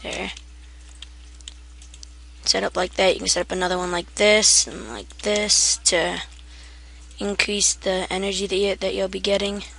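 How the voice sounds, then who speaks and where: A woman's voice: mid-range voice, flat delivery, unhurried, vocal fry, long pauses, fairly bright tone, a little hiss or hum. A woman giving a casual, rambling game tutorial, half asleep and self-deprecating, with keyboard typing behind her. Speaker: gaming tutorial maker.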